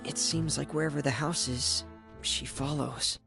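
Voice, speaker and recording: A woman voicing a shy, gloomy younger brother in an anime game, soft and halting. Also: low voice, steady tone, vocal fry, music in the background. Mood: subdued, uneasy.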